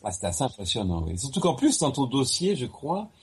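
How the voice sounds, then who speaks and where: A man from France talking in a casual, conversational way, as in a relaxed chat with someone he knows. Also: mid-range voice, brisk, husky.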